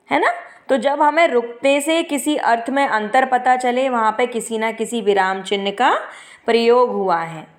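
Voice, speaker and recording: A woman with a fairly high voice teaches a grammar lesson to young students. She talks with an emphatic classroom cadence, keeps adding tag questions, and answers her own questions aloud. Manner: asks the class questions and answers them herself. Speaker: Hindi teacher.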